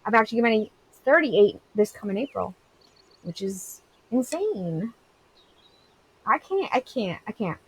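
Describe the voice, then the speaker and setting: Here the streamer's voice sits at a medium pitch with big swings, a breathy edge, and a measured pace broken by frequent pauses. She's in her thirties, casually replying to her live chat in a candid, rambling style heavy on "like." The audio is poor.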